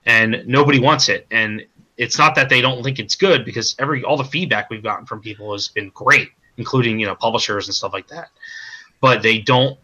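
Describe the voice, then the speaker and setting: A man being interviewed as a comic creator, talking in a halting way with many repeated words and restarts. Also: medium pitch, pushed and bright, highs cut off. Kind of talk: casual stream interview.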